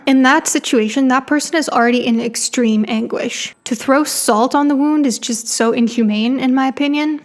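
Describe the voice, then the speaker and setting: A woman psychologist hosting her channel, giving blunt, impassioned commentary full of rhetorical questions. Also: on the high side. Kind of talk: opinionated commentary to camera.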